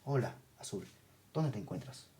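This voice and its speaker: Audiobook: steady male hypnotist, voiced by the narrator, gentle and measured, very dark tone. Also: fairly low pitch, lightly acted. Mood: calm probing. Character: calm male hypnotist questioning a patient.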